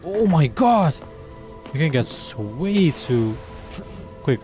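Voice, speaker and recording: A man's voice: a little high, very animated, slow, darkish tone, soft background music. Dutch man chatting on a stream. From Netherlands. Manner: chatty, answers chat and laughs between lines. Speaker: livestreamer. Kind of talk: casual chat while gaming live.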